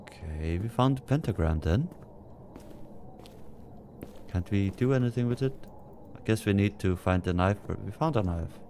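A man's voice: lowish voice, lively intonation, normal speed, long pauses, dark tone, slight background noise. A man casually commenting as he plays a horror game, muttering to himself with jumpy, nervous asides. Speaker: let's play gamer.

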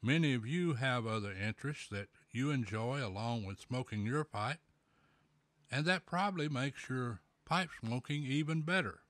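A middle-aged man hosting a show, talking in a slow, folksy, plainspoken way with a pipe in his mouth. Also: medium pitch, animated, fairly bright tone, no room sound. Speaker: podcast host. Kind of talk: casual solo talk.

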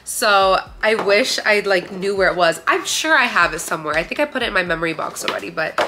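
A young adult vlogger from Romania chats excitedly to her audience in a casual haul video, shot indoors in a bright living room with the camera in front of her. Fillers and "like" are everywhere. Her mid-range voice is expressive and fairly quick, and there's background noise.

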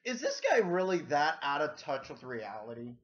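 A man's voice: fairly high pitch, sing-song, moderate pace, a bit bright, highs cut off. A man hosting a reaction livestream, exasperated, swearing often and laughing in disbelief. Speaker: livestream host.

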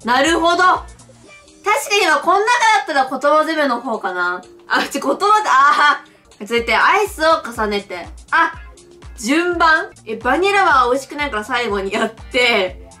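A young woman from Japan chats through a mobile quiz game, reading each question aloud and answering with blunt, giggly reactions. Her voice sits high and swings widely in pitch. Faint music plays behind her. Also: sing-song, unhurried, pushed and bright. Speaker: game streamer. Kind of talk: casual playthrough commentary.

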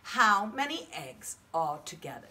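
Preschool teacher lady, broad singsong kiddie voice, really slow, swoops up and down, counting and asking little questions. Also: medium pitch, very animated, pushed and bright. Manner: broad singsong delivery aimed at small children; asks coaxing questions and counts aloud slowly. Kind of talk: children's math lesson to camera.

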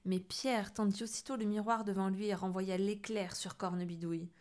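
A woman tells a children's story with lively expression. She reads as a storyteller and shapes each line for young listeners. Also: mid-range voice, moderate pace. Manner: expressive, animated reading.

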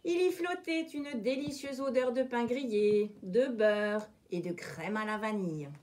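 A woman librarian reading a children's story aloud at home, expressive and dramatic. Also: fairly high pitch, unhurried.

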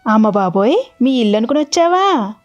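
A woman's voice: on the high side, very animated, fairly quick, muffled recording. A woman voicing a bold young cowherd woman who exclaims in astonishment. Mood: astonished.

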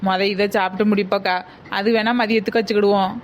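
A woman's voice: medium pitch, flat delivery, quick pace, slight background noise, close to an everyday voice. A woman voicing a practical, comforting village woman with a southern Tamil accent.

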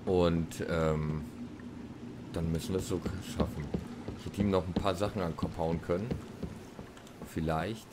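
A man's voice: low-pitched, fairly even intonation, a little slow, pauses often. A man hosting a let's play with casual, rambling gameplay commentary, often repeating himself. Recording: clearly noisy with game ambience.

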